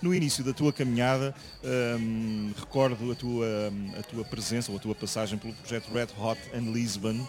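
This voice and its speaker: A man with a European Portuguese accent interviewing a singer in a dressing room, pausing often and restarting his questions. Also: medium pitch, fairly even intonation. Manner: hesitant, many fillers and restarts.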